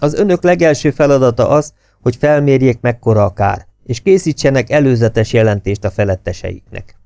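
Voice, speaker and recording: A man voicing a calm, authoritative colonel who speaks in a measured, firm way. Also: mid-range voice, creaky, dry recording, studio quality, lightly acted.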